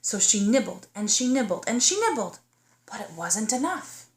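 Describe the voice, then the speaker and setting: A woman with a fairly high, very animated voice reads a children's storybook aloud like a teacher with kindergartners. She speaks in a child-directed way that draws the young listener in, pausing to ask them questions.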